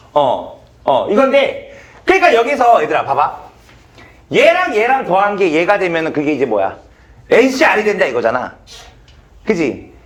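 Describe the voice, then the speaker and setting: A man's voice: sits high, fairly bright tone. A male math teacher giving a classroom lecture, blunt and swearing casually as he quizzes students.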